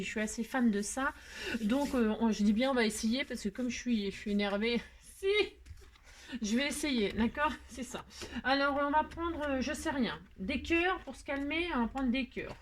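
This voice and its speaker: A woman's voice: fairly high pitch, slight background noise. A woman with a French accent hosting a casual crafting tutorial, chatty and self-mocking, with many fillers and little laughs. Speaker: crafting video host.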